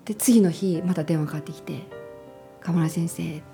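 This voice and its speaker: A woman's voice: lowish voice, fast talker, warm tone, faint music behind. A woman who was an elementary school teacher tells a story in casual chat, acting out the people she quotes. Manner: vivid storyteller, acts out quoted voices.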